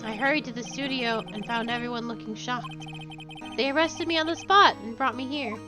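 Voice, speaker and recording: A woman's voice: fairly high pitch, brisk, over music, pitched below the performer's own voice, lightly acted, poor audio. A woman voicing a tired, apologetic male actor in a video game, speaking in a subdued, hesitant way. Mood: dejected. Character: apologetic, tired male action-show actor accused of murder.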